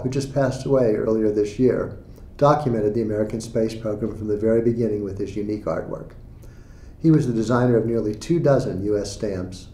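A man with a lowish, warm, mellow voice reads a scripted auction promotion. His delivery is measured and formal. The recording has a noticeable roomy echo. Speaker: auction announcer.

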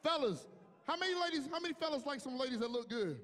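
A man emceeing a comedy night, rousing the crowd as he brings on the next act. His voice is strikingly high for a man and trails a long reverb through the hall, and his talk stays hyped and punchy. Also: animated, fast, fairly bright tone. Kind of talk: hype-up introduction. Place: comedy club.

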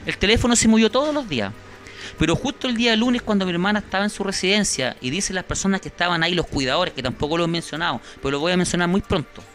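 In a studio interview, a Chilean guest who is the victim's brother talks quickly and indignantly into a handheld mic, his voice slightly raised and a bit bright. Speaking Chilean Spanish in a small studio, he stacks questions and repeats himself as he searches for words, with faint music beneath.

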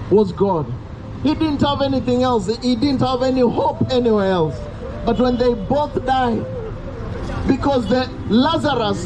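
A man, preaching an urgent open-air sermon by a busy road through a handheld mic and speaker. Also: extremely high pitch. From Kenya. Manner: loud, urgent preaching with drawn-out warnings. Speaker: street preacher. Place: roadside outdoors by a busy street. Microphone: handheld mic through a portable speaker, camera at a distance. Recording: street traffic noise, open air.

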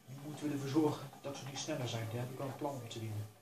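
A man giving casual commentary over his own racing game, talking to himself and urging himself to stay calm. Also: medium pitch, rapid-fire, roomy sound, poor audio. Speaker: gaming YouTuber.

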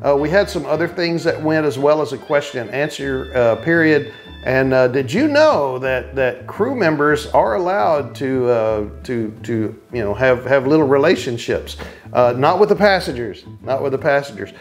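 A man's voice: medium pitch, lively intonation, moderate pace, faint music behind. A man in his fifties recapping a cruise ship tour to camera from a small cabin, chatty with lots of fillers and restarts. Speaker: travel vlogger. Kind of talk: casual travel recap to camera.

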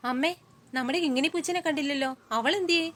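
A woman playing a young married daughter home on a visit, gently speaking up for her sister-in-law. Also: high-pitched, quick pace. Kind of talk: comedic short-film acting.

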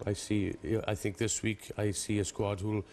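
A man in his forties, a native English speaker with English-accented Italian, speaking haltingly in a studio interview as a rugby coach and searching for words. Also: lowish voice, flat delivery, a little mellow, slight background noise. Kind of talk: television interview. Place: television studio.

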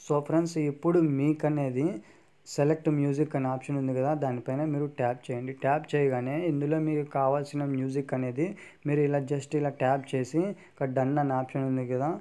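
In a screen-recorded phone app tutorial, a male host walks through each step, constantly repeating fillers and the word "friends." His voice sits in the mid range with a slightly mellow quality.

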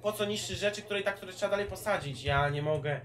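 A young man casually commentating a Minecraft game with friends, loud and swearing, shouting at the game. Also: high voice, quick pace. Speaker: gaming channel host.

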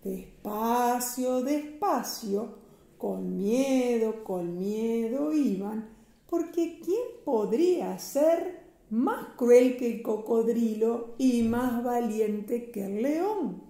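Slow sing-song grandmother storyteller. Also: on the high side, expressive, dark tone, roomy sound. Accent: Rioplatense Spanish. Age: older. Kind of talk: reading a children's picture book aloud.

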